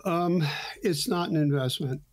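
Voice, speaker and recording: A man hosting a financial talk show, answering retirement questions in a halting way with many fillers and restarts. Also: fairly high pitch. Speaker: financial advisor host.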